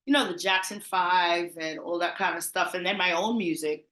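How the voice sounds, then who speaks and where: This lowish-voiced, middle-aged woman from the Bronx, New York talks at a moderate pace in a roomy-sounding space. As a party promoter guesting on an interview, she tells casual stories in an animated, chatty way, laughing often and trailing off into restarts.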